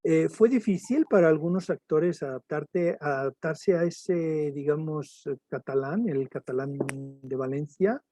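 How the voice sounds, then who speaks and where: A man interviewing a film director, asking hesitant, halting questions. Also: a little high, background noise. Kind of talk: conversational interview.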